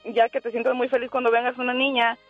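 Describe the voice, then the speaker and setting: A woman's voice: on the high side, little pitch movement, quick pace, no echo, faint music behind. A woman in her forties calling in by phone, nervous and giggly, telling a story in a rambling way with many restarts. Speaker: caller. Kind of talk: phone-in call, chatty storytelling. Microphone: telephone. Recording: tinny phone line.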